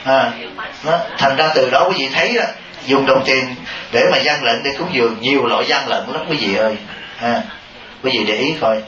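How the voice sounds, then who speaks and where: A man giving a Buddhist Dharma talk to a congregation, lively and teasing, often asking the listeners questions. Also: medium pitch, normal speed. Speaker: Buddhist monk. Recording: dull, echoey hall audio from a distance with noise.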